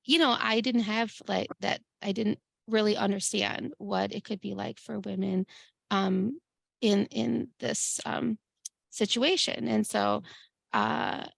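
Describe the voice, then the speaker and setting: A woman's voice: medium pitch, creaky, no echo. A middle-aged woman from Chicago, speaking as an epidemiologist to a community group and telling a personal story, with lots of "like" and restarts. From Chicago, USA. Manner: many fillers and restarts, says "like" often.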